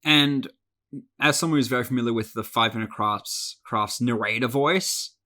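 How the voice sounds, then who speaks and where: Male podcast co-host, casual, dry wit, quick one-liners. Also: mid-range voice, sharp tone. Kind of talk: casual chat.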